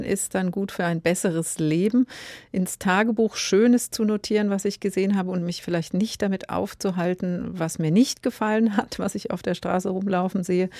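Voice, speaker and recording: A woman hosting a radio culture show, presenting a scripted program in a measured, articulate way. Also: on the low side, mellow, no room sound, studio quality.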